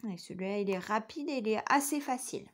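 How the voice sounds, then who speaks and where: A woman's voice: medium pitch, lively intonation, fast. A woman teacher giving a recorded spelling lesson to young children, patiently sounding out each letter and syllable. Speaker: kindergarten teacher.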